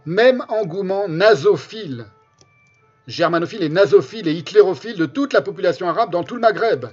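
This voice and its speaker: A man with a somewhat high-pitched voice reads quotations aloud as a commentator. He stresses key phrases by repeating them and slips into spoken asides. The sound is dull and lo-fi. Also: slightly rough. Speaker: commentator presenting a history book.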